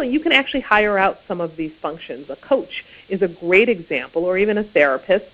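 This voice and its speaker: A woman giving career advice in an informal, conversational teaching talk, often saying "you know". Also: lowish voice. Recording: tinny phone-like sound.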